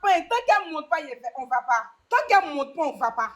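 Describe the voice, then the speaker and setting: A woman's voice: sits high, animated, fairly quick, noisy background. A woman with an Ivorian French accent trading rhythmic, repetitive insults on a live stream panel.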